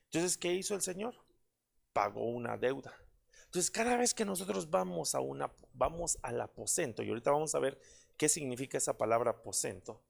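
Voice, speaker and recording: A man's voice: mid-range voice, lively intonation, fairly quick, vocal fry, husky. A man, a pastor, preaching a prayer-service sermon in an earnest manner with many fillers and repeated calls to his listeners.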